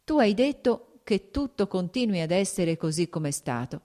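A woman reading the lines of a married, worldly male officer who talks his friend round, in a measured, persuasive way. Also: mid-range voice, sing-song, mellow, close to an everyday voice.

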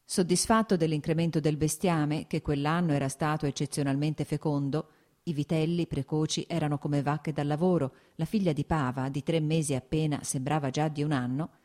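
A woman narrating an audiobook in a measured, even literary reading. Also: low voice. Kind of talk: scripted narration.

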